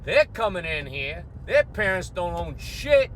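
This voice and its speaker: A man's voice: high voice, sing-song, unhurried, fairly bright tone, a little hiss or hum. A middle-aged man with a Queens New York accent, ranting straight to camera in a brash, profane, emphatic way. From Queens, New York, United States. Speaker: host of a finance commentary channel. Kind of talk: unscripted political rant to camera.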